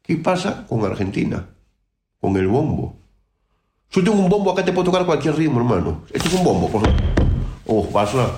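A man from Peru talks as a guest in a casual interview. He is emphatic and outspoken, restarting his sentences often. His voice sits at a middle pitch and carries a roomy echo. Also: very animated, brisk, pauses often, darkish tone, a little hiss or hum. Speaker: guest percussionist.

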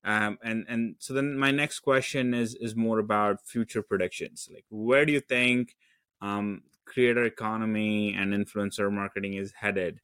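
Low-voiced hesitant male interviewer. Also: steady tone, moderate pace, fairly bright tone, clean tone, dry recording. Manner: hesitant, with many "uh" and "um" fillers and repeated words. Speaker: interview host. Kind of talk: interview questions.

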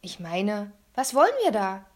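A woman's voice: mid-range voice, big pitch swings, a little slow. A woman voicing a small, clever, pedantic boy who lectures and shrieks when upset. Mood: shrieking.

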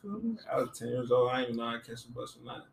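A man casually telling a story on a podcast, animated, acting out other people's lines in raised voices and laughing often. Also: mid-range voice, racing. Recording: roomy with faint noise.

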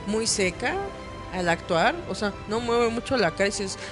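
A woman with a Mexican accent chatting casually as a podcast co-host, lively and acting out quotes in silly little voices. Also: medium pitch, normal speed. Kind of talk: casual chat. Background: background music.

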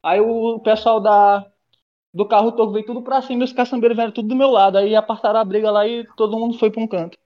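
A young man appearing as a guest tells his friends a rambling, profane story over a call from a bathroom during an online class, restarting again and again in this casual storytelling. His voice sits high and level, he talks fast, and the highs are cut off.

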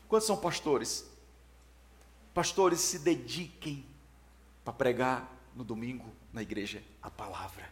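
A pastor in his forties preaching a sermon, moving between loud emphatic declarations and quiet, soft-spoken asides. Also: fairly high pitch.

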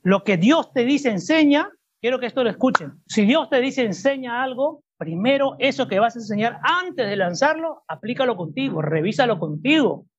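A husky man preaches to his church congregation, pressing his points and throwing questions back at the room. The recording sounds muffled and dull. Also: very high voice, animated, normal speed. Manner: emphatic, asks the congregation rhetorical questions. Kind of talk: sermon. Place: church service before a congregation.

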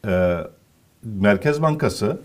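A man's voice: lowish voice, animated, slow pace. A man in a political commentary chat, explaining economic points emphatically and asking rhetorical questions.

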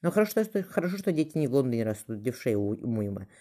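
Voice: medium pitch, sing-song, rapid-fire, warm tone, close to an everyday voice. An audiobook reader voicing Marfa, an affectionate, chatty grown woman who speaks tenderly. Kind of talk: audiobook character reading.

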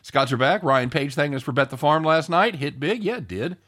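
A man's voice: a little high, animated, brisk, fairly bright tone. A man hosting a live sports betting show in casual, jokey banter, irreverent and given to casual swearing.

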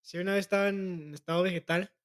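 Young mexican man, podcast co-host, crude storytelling, loud and soft swings, high-pitched. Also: steady tone, fast talker. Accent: Mexican Spanish. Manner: joking, storytelling with wild swings in loudness. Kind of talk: casual crude banter.

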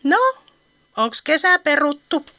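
A woman's voice: high voice, sharp tone. An actress playing a dry, teasing elderly woman with an Eastern Finnish dialect in a radio play. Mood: wry. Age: older. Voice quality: wry, teasing.

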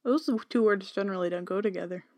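A podcast co-host who chimes in with brief, skeptical remarks and questions. The voice is gravelly and mid-pitched. It is recorded close and dry. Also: fast talker, dry recording. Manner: reactive, skeptical, short comments and questions. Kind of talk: casual podcast chat.

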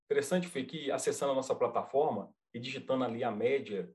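Talking fast in a mid-range voice, a company representative with a Mineiro accent from Minas Gerais, Brazil, explains a product during a podcast interview. His manner stays calm, patient and reassuring, with frequent "tá?" checks.

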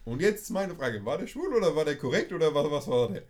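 A man's voice: a little high, big pitch swings, a little fast, crowd noise. A young man, casually telling a story in a podcast chat and peppering it with street slang.

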